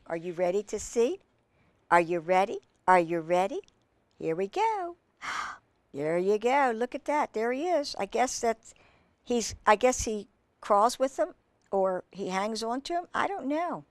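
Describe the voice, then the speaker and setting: Here a woman's mid-range voice comes through a dry recording as she reads a picture book aloud. She gives the story lots of expression and turns to the children with questions and exclamations about the pictures.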